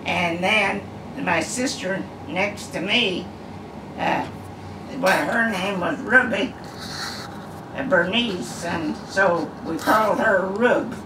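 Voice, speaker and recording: A slow-talking great-grandmother with a mid-range voice casually recalls the past, rambling through family stories with frequent uhs. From her armchair at home, she's captured by a camera across the echoey room, where a background hum lingers.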